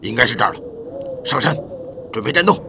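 A man's voice: medium pitch, big pitch swings, quick pace, gravelly, noisy background. A man doing a stern officer barking orders. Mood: commanding. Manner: curt commands. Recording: background music.

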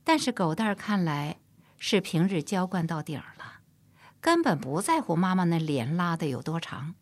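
Sex: woman. Style: storybook narration. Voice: lower-pitched, lively intonation. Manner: expressive reading.

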